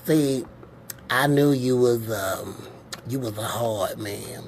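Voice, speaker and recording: A man voicing a lazy servant who makes excuses to his master in a low, mumbling way. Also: slow, creaky, a little hiss or hum. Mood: sheepish.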